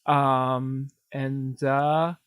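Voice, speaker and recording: A young man co-hosting a comedy podcast, playful and quick to laugh. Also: mid-range voice, clear, resonant tone, dry recording. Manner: playful, laughs often, lively. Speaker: podcast co-host. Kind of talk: casual comedic chat.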